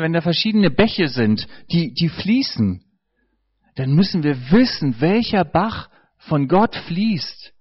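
A man's voice: high voice, husky, dry recording, dull audio. A man preaching a sermon in a conversational way, joking and putting questions to his audience.

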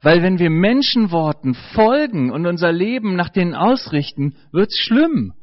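A man's voice: high-pitched, sing-song, unhurried, no echo, dull audio. A man preaching a sermon in a conversational way, joking and putting questions to his audience.

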